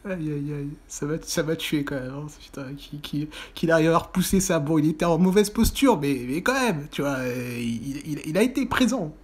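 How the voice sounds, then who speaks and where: A man giving excitable commentary over a football video game he is playing, often breaking into loud exclamations and groans. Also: on the high side, normal speed, few pauses, breathy edge. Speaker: gaming YouTuber. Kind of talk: mobile football gameplay commentary.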